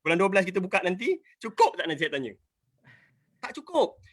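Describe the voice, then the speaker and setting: A man's voice: high voice, wildly swooping pitch, brisk, fairly bright tone. Emphatic Malaysian entrepreneur in his forties. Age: 40s. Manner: emphatic, rambling, repeating himself. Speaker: entrepreneur asking questions. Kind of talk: earnest appeal in an online business talk. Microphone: video call.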